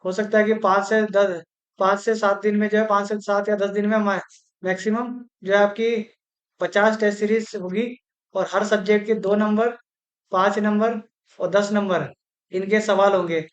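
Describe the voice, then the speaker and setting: In this exam-prep grammar class, the teacher speaks Hindi laced with English, slowly and repetitively, sounding out each syllable. The delivery is flat at a medium pitch.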